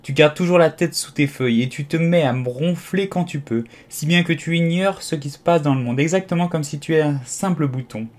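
Guy doing a bossy tiger lily, snooty and scolding, kinda high, audiobook. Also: expressive, normal speed, hardly any pauses, close to an everyday voice. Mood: haughty. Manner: imperious, scolding.

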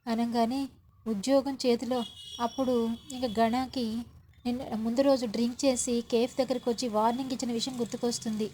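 A woman's voice: on the high side, flat delivery, a little fast, mellow, slight background noise. A woman retelling a TV serial episode, reading all the characters' lines herself with linking phrases between them. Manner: reads every character's lines in her own voice with linking phrases. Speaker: TV serial recap narrator.

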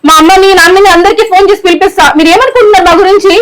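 A woman's voice: extremely high pitch, very fast. A woman playing an outraged sister-in-law. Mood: accusing. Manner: accusing, demanding, threatening. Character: indignant young sister-in-law confronting her brother-in-law. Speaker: comedy skit actor. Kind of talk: home comedy skit acting.

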